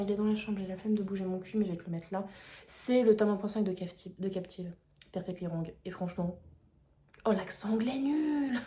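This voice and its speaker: Her mid-range voice has a warm tone as this twentysomething book vlogger talks eagerly about what she's been reading. The casual vlog was shot indoors at home on a phone mic, leaving the room sounding echoey.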